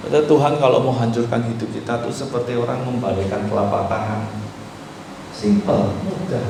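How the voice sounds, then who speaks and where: A male pastor preaching an animated sermon, swinging between loud and hushed, now and then mimicking pleading voices. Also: medium pitch, brisk. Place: church hall. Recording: very echoey church with faint background noise.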